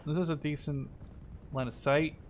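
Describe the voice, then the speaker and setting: A man in his twenties mutters casual, sometimes sweary commentary to himself while playing a strategy game, game gunfire and artillery going off behind him. His voice sits on the high side, with a steady tone and normal speed.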